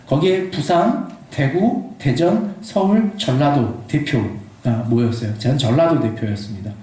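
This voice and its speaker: A man in his pastoral role, preaching a sermon in a lively storytelling way and slipping into quoted voices. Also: a little high. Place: church sanctuary. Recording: echoey hall, distant mic.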